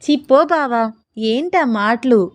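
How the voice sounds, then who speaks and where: A woman's voice: on the high side, lively intonation, takes it slowly, dry recording, voice pushed up. Woman voicing young bride, bashful, hesitant, tender, storybook, dry. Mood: shy.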